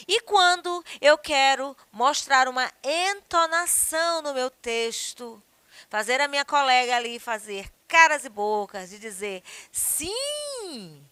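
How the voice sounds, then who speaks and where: Bright, high-pitched woman teaching grammar. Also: no room sound. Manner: lively, asks the class questions often. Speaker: Portuguese teacher. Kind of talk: classroom grammar lesson.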